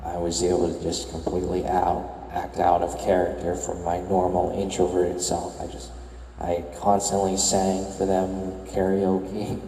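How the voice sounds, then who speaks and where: Young man, soft-spoken reflective voice-over, dark mellow tone, slow hesitant musing, echoey long reverb. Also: monotone, a little hiss or hum. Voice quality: soft, low-key murmur. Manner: hesitant, self-correcting musing. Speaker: video game tour vlogger.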